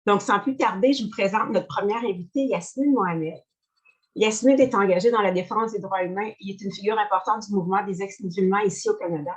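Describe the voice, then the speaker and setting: A woman hosting a webinar, giving a measured, scripted introduction of her guest. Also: mid-range voice, low-quality recording. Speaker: webinar host.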